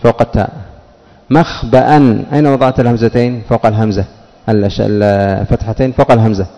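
A man with a dark, mellow voice teaches a grammar lesson. He poses questions and answers them himself, and he draws out the example words slowly. His voice rings with a long reverb. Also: medium pitch, fairly even intonation. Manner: slows and stresses example words. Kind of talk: classroom lesson.

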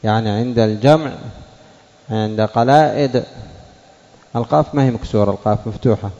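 A male teacher of Arabic morphology and Quran reading gives a classroom lesson on word forms, slowly sounding out each base form and then its changed form, and quizzing students by name. His voice is lowish and mellow. The recording is dull and lo-fi, with long classroom reverb.

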